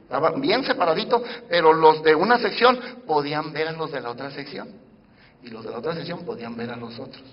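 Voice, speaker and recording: A man preaching from the pulpit of a church sanctuary, his raised, fairly high voice ringing out in a long, lingering reverb. He swings from loud, driving emphasis to quiet, hushed asides and keeps calling out questions to the congregation. The recording is dull and muffled. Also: animated, fairly quick. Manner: addresses the congregation directly with questions. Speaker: pastor. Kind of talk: sermon.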